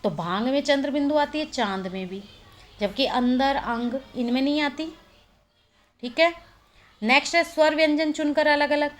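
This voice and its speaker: A woman teacher with a slightly high voice talks through a grammar lesson. She explains point by point, often checks in with a quick question, then answers it herself. It sounds like a phone voice recording. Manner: explains step by step, asks and answers own questions, frequent "है ना".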